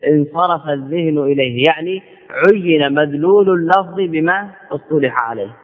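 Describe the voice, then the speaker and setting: A man's voice: fairly high pitch, normal speed. A man teaching Arabic grammar in a lecture, repeating key phrases and asking himself questions before answering them. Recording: tinny lo-fi lecture recording in a reverberant hall.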